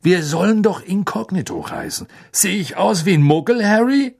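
Ein fröhlicher, väterlicher Zauberer mittleren Alters aus einem Hörbuch, von einem Mann gesprochen. Er erklärt eifrig mit gehobener, lebhafter Stimme, die leicht belegt klingt. Er wirkt gutmütig und redselig. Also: male voice, high voice, very animated, moderate pace, creaky, voice pushed up, full character voice. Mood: eager explaining. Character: cheerful fatherly wizard, middle-aged man.

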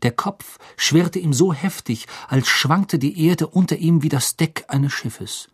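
A male audiobook narrator tells a fantasy story in a calm, measured voice. His tone is slightly husky. The recording is dry and close. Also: on the high side, dry recording.

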